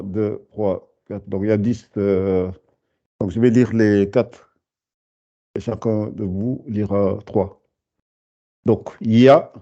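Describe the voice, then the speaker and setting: A man teaching a beginner lesson over a video call, patient, hesitant and full of fillers, drawing out syllables slowly. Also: on the low side, warm tone, lo-fi sound. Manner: hesitant, many fillers and restarts. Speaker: Arabic teacher.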